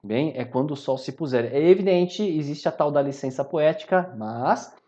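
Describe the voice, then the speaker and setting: With a somewhat high voice at a moderate pace, a man speaking with a Brazilian Portuguese accent runs a grammar video lesson. He stays animated, dropping "tá?" and "maravilha?" again and again to make sure students follow. The audio sounds dull.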